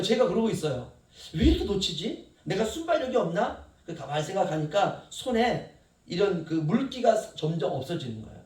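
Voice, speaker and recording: A middle-aged male pastor preaches with a high, lively voice that swoops up and down. He talks to his congregation casually. He is recorded from a distance in a roomy, echoing church. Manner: animated, conversational preaching with acted quotes. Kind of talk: sermon. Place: church sanctuary.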